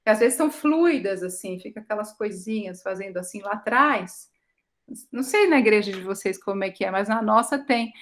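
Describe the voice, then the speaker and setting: A woman taking part in a study group, talking in an expressive, chatty way with lively swings in her voice. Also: mid-range voice, fairly quick.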